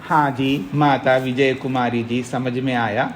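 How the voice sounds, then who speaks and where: A man's voice: medium pitch, steady tone, a little hiss or hum. A man teaching a philosophy class, explaining step by step and often asking the listeners if they follow. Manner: explains slowly, keeps checking the listeners follow. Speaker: teacher of Nyaya philosophy, swami. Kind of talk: Hindi scripture lecture to a class.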